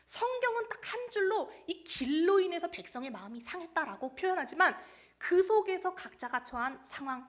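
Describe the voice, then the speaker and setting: A woman's voice: sits high, a bit bright. A woman evangelist preaching a Sunday sermon in a church, telling a story and acting out the quoted people.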